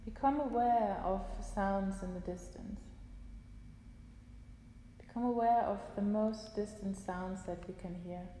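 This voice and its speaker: Calm woman guiding relaxation, roomy echo. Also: mid-range voice. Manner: slow, soft, calm instructions with long pauses. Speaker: yoga nidra guide. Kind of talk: guided relaxation meditation. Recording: roomy echo with long reverb, faint hiss.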